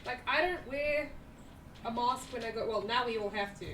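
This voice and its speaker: A woman with a fairly high voice rambles through a casual chat with friends. She is self-mocking and animated. The mic sits well away from her, and the room is echoey with clear background noise. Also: moderate pace. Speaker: stream co-host. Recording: distant mic, roomy echo, noise.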